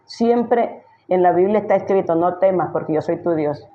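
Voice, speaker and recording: A woman's voice: lowish voice, moderate pace, highs cut off. A woman pastor giving an emphatic sermon, full of rhetorical questions she answers herself.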